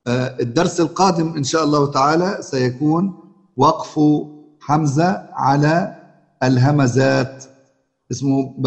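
A man's voice: mid-range voice, gravelly. A man with an Egyptian accent teaching Quran recitation rules, often asking his students questions and repeating himself. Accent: Egyptian Arabic. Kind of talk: colloquial Egyptian Arabic lesson. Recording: long hall reverb.

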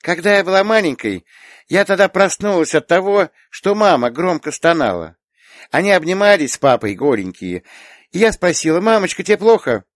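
A man's voice: very animated, normal speed, no room sound, clean studio sound. A man reading an audiobook, voicing a cheerful, chatty little girl who keeps asking questions. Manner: eager, questioning, high childlike voice. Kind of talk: audiobook character voice.

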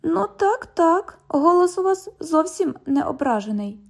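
Reading an audiobook, a woman voices a twenty-year-old bank cashier who is sarcastic and mocking, cheekily parroting the other speaker. Her voice is high and mellow, delivered at a moderate pace.

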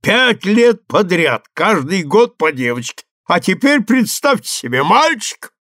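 A fat, jolly German print-shop owner in middle age, hoarse and bubbling over with cheer, as a man plays him in a storybook. His gravelly voice rises and falls freely, recorded dry. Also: fairly high pitch, very animated, unhurried, a bit bright, dry recording, voice pushed up, exaggerated voice. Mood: jovial.

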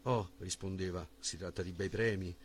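A man voicing a young male disciple who answers in short, agreeing replies, in a husky voice pitched a little below his narration. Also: steady tone, moderate pace. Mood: assenting. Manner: brief assenting replies, lower voice.

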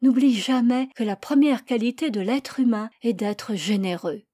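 A gentle storybook mother hushing her frightened child in a soft, soothing tone, voiced by a woman reading aloud. Her voice sits fairly high for a woman's and stays calm and tender. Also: moderate pace, no room sound, studio quality, natural voice. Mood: earnest.

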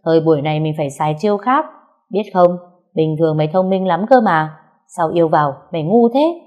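A brash young woman friend, voiced by a woman reader, who scolds and teases without holding back. Her speech sits a little low, with a dark, mellow tone, and comes across like a bossy storybook sidekick. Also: a little fast, close to an everyday voice. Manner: scolding, blunt, teasing.

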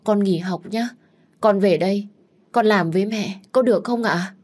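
A woman's voice: normal speed, darkish tone, lightly acted. A woman voicing an earnest young student sister who pleads with her mother. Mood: pleading. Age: young adult. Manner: pleading, childlike, raised pitch.

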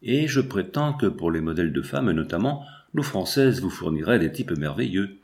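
A man's voice: deep voice, very animated, normal speed, darkish tone. A man reading the lines of an opinionated, pompous bourgeois father in an audiobook, speaking emphatically. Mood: emphatic.

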